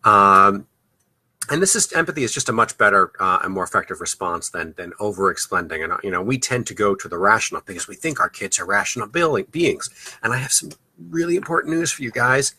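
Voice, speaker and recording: A man's voice: fairly low pitch, lively intonation, a little fast, bright, forceful tone, slightly rough. A man hosting a parenting podcast, giving advice in a loose, conversational way with frequent "uh" and "you know" fillers. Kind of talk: advice talk.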